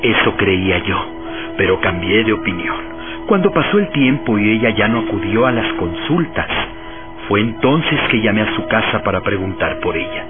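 Radio horror serial: actor as suspenseful, earnest male professor, highly expressive, tinny audio under loud music. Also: natural voice. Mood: ominous. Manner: deliberate, suspenseful storytelling. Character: earnest male professor telling an eerie ghost story. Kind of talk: radio horror drama acting.

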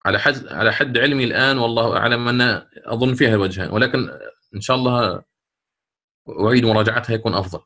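Male tajweed teacher, mid pitch, patient explainer, repeats points, slow chanted recitation. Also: bright, forceful tone. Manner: hedging, checks understanding with "tamam?". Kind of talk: online tajweed lesson.

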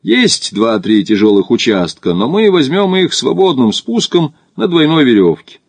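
A stern, clipped Sherpa guide, as a male audiobook reader puts him on, curt and firm. His talk carries louder than the narration, dry and close. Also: medium pitch, sing-song, normal speed, breathy edge, no room sound, pitched above the performer's own voice.

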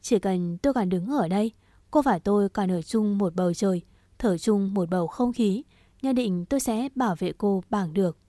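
Một người phụ nữ đọc giọng một chàng trai trẻ cứng rắn, che chở, nói dứt khoát và đầy đe dọa. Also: female voice, medium pitch, normal speed, dark tone, no echo, clean studio sound, close to an everyday voice. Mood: protective. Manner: firm, clipped and threatening. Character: stern protective young man, cold and resolute.

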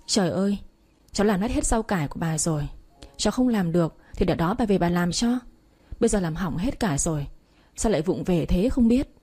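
A woman's voice: on the low side, animated, dark tone, breathy edge. A woman voicing a fussy, scolding old village grandmother. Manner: bossy, scolding, quick to complain.

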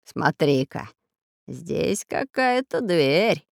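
A stout red-bearded pirate grumbles in a hoarse, scheming tone, as a woman narrator puts him on, her voice pulled down low. It is read close and dry for an audiobook. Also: big pitch swings, extremely slow, dry recording, full character voice. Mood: gruff. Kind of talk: audiobook character voice.

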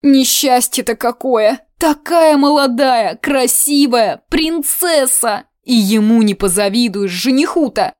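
Woman reader doing older woman, sighing, exclaiming, doting, higher voice, dry close recording. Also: takes it slowly, hardly any pauses, a little mellow, dry recording. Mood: lamenting. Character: older woman, grieving, gossipy and lamenting. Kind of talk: audiobook character reading.

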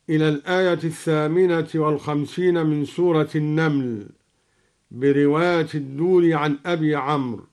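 A man explaining Quranic reading variants in a measured, scholarly way and chanting each verse slowly and melodically as an example. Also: fairly high pitch. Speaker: Quran recitation teacher introducing radio episodes. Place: radio studio.

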